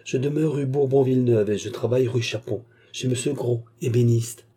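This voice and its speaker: A man plays a friendly young workman in a storybook reading. He speaks with open, eager warmth toward a new friend. The voice underneath is dark and a bit husky. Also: medium pitch, steady tone, moderate pace, lightly acted.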